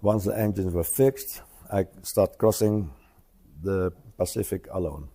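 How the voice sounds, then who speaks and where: A man in his seventies, an interview guest, speaking hesitantly with many pauses and tag questions. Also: sits low, dark tone. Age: 70s. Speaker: interview guest, retired traveler. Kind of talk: casual conversational interview.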